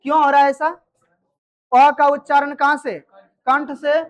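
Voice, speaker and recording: A woman teaches a live grammar class in an unhurried, high-pitched voice with little rise and fall. Her approach is to quiz students, repeat their responses and check their understanding.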